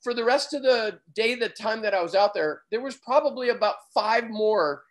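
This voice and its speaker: A man, a surf photographer, telling an excited, vivid story as a guest in a conversation, often getting loud. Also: sits high, normal speed, rough recording.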